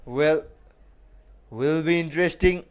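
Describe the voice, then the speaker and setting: A male cricket commentator with a notably high, clean and smooth voice. He calls live play ball by ball and repeats key phrases for emphasis. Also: slow pace.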